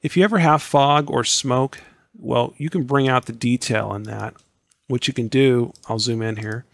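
Casual tutorial narrator, male, mid-pitched, scratchy and hoarse, close dry sound. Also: steady tone, normal speed, a bit bright, no echo. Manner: casual, step-by-step explaining. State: hoarse, losing his voice. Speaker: software tutorial instructor. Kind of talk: screen-recorded tutorial voice-over.

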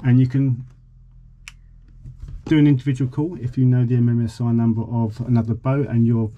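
This vlogger, a man in his forties, demonstrates a boat radio casually, with some hesitation. His medium-pitched voice stays level at a normal speed, and the lo-fi sound comes with clear background noise.

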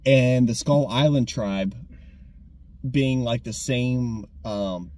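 A young American man giving a casual, animated movie review, often restarting his sentences and repeating words when excited. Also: medium pitch, slow, slight background noise. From United States. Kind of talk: casual conversational film review.

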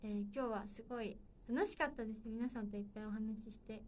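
A woman in her twenties with a fairly high voice hosts a solo livestream. She chats playfully and casually, talking straight to her viewers. A faint noise sits under her voice. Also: fast, a little mellow. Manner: playful and chatty, addressing viewers directly. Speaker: livestream host.

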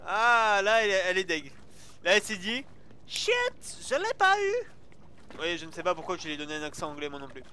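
A man giving joking let's play commentary with excitable outbursts. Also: sits high, rapid-fire, smooth. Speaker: gamer.

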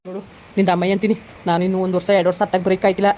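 Woman playing an older village father, rural Kannada accent, low and gruff, commanding, urgent. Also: little pitch movement, racing, mellow, slight background noise, natural voice, rough recording.

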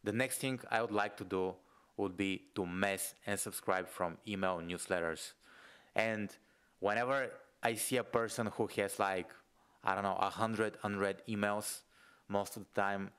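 Bulgarian guy talking productivity tips into a close mic, lowish smooth voice, lots of "like". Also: fairly even intonation, unhurried, a bit bright. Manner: loose and conversational, many "like" fillers. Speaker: entrepreneur and online business coach. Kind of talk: casual video lesson. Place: home room, indoors. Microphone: studio mic close in front of face.

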